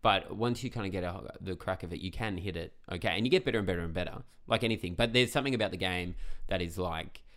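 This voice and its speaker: Brief: young guy, lowish voice, loose filler-heavy storytelling. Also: fast talker, few pauses. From Australia. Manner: rambling, filler-heavy, animated. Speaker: podcast guest, comedy writer. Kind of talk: casual chat.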